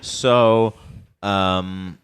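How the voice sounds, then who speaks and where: A low-voiced man with a hint of a Chicago accent chats loosely on a podcast. He hedges, rambles and keeps correcting himself. The recording is dry, with no room sound at all. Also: steady tone, drawn-out words, fairly bright tone, clean tone, no echo. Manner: rambling, self-correcting, hedging. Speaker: podcast co-host, beer bar owner. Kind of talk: casual chat.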